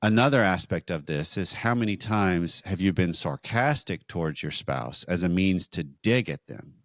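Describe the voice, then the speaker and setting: A man co-hosting a marriage podcast, teaching in a measured, explanatory way with rhetorical questions. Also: sits low, lively intonation, no echo, studio quality.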